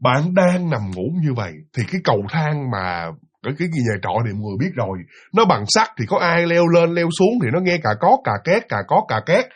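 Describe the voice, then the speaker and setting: Fast-talking, husky-voiced man telling ghost stories. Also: on the high side. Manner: lively, acts out voices and sound effects. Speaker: storyteller. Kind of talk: casual spoken ghost story.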